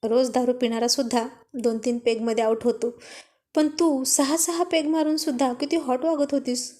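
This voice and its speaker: Teasing young husband in an audio story, slow and sly, mellow tone, read by a woman. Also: on the high side, natural voice.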